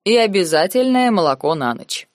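A woman reading the lines of a cold, calculating noble uncle in an audiobook, measured and sarcastic. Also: medium pitch, big pitch swings, no room sound, studio quality, voice pushed up, natural voice. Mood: cold, lecturing. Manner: measured, lazy, coldly sarcastic.

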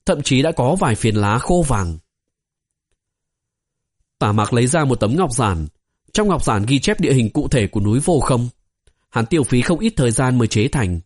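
A man narrating a fantasy novel as an audiobook, in a steady storytelling manner. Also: mid-range voice. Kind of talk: scripted narration.

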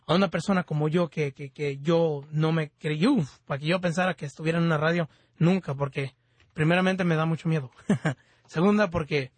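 Male religious radio host, Mexican-born and raised in the US, higher pitch, stumbling and halting delivery, dry studio sound. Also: fairly even intonation, no room sound. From born in Mexico, raised in the United States. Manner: halting, often stumbles and restarts words. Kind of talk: prayer and devotional radio talk.

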